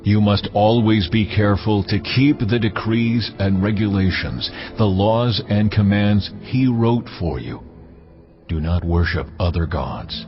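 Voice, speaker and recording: A man playing God in a dramatised scripture reading, solemn, stern and deliberate in delivery. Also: on the low side. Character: God, solemn commanding male divine voice. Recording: dull audio, music underneath.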